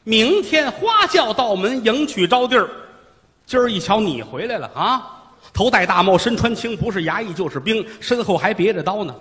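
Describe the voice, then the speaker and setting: A man voicing a fearful old village man giving a hurried, cautious warning, in traditional comic storytelling. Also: high voice, very animated, fairly bright tone, big-room sound. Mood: wary.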